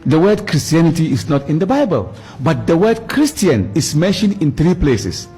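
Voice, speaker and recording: Husky, animated man giving a talk. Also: a little high, normal speed, faint music behind. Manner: animated, repeats words for emphasis. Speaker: Islamic speaker. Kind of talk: storytelling lecture.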